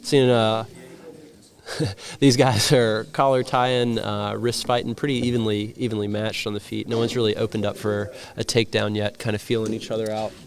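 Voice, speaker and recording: A man with a fairly low voice gives calm technical color commentary on a live grappling match. He describes grips and exchanges in a measured way, with a steady stream of filler words. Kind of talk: live jiu-jitsu commentary.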